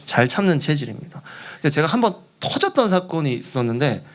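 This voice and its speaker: A young male junior pastor delivering a sermon in a church. His voice sits a little high and swings up and down with energy as he tells a story. He acts out the voices of the people he quotes and often laughs mid-sentence. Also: sing-song, fairly quick.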